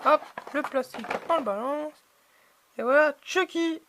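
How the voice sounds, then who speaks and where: A woman with a high-pitched, fairly bright voice unboxes collectible figurines, speaking a little slowly in a loose, chatty way. She hesitates often, searching for words and using many fillers. The sound is close and dry, with no room sound at all.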